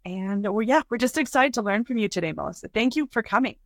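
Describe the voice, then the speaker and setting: A woman's voice: on the high side, animated, fast talker, no room sound. A woman hosting a podcast interview, asking friendly, eager questions. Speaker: podcast host.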